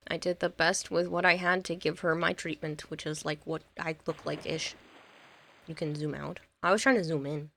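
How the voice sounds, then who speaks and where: Woman game streamer, lower-pitched, rambling casual chat with viewers. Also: steady tone, normal speed, vocal fry, a bit bright. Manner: chatty, rambling, laughs easily. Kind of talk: casual gameplay commentary and chat reading.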